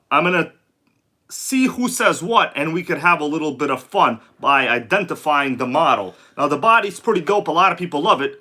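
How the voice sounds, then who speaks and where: Pushed and bright, this fairly high male voice belongs to a man running a casual live-stream chat full of slang. He calls out viewers by name while battling a sore throat and a congested voice.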